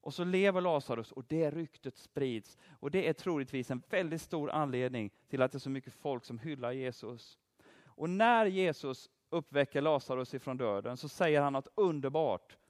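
A man leads an interactive Bible teaching at an ordinary, middle pitch. He keeps putting questions to his listeners and praising their answers, in a lively, engaged manner. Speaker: preacher teaching a group.

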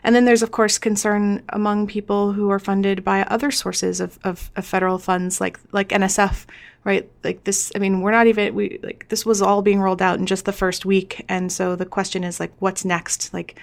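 A woman's voice: mid-range voice, level tone, moderate pace, gravelly. A woman in her thirties talking informally in a panel discussion, with slightly slurred marbles-in-mouth articulation, hesitating and often checking for agreement. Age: 30s. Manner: informal, hesitant, seeks agreement with "right?" and "you know". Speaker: scientist guest on a podcast.

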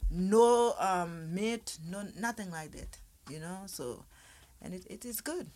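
A woman's voice: fairly low pitch, slow pace, mellow. A woman from Haiti, a restaurant owner, chatting casually as a guest and often repeating her words. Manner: chatty, repeats words, tells little stories. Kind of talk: casual interview chat.

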